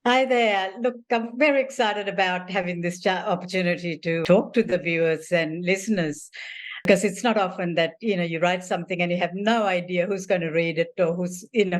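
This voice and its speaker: An older Sri Lankan woman, an author and family therapist, answers interview questions at length in a warm, rambling manner, her speech full of "you know" and restarts. Her voice is fairly low and fairly quick.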